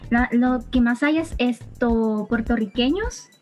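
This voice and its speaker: A young woman from Honduras with a Honduran accent, chatting hesitantly on a podcast and filling pauses often. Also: fairly high pitch, darkish tone, faint music behind. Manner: hesitant, fills pauses with "esto", giggly. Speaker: student podcast guest. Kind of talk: casual podcast chat.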